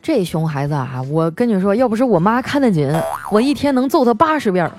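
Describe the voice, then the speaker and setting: Mellow-voiced woman telling funny stories. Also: medium pitch, sing-song. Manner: chatty, with frequent drawn-out particles and laughs. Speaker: radio host. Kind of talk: comic storytelling monologue. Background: faint background music.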